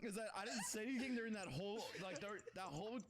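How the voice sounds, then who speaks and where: A young man excitedly telling friends a story in a casual chat. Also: high voice, quick pace. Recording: loud background noise.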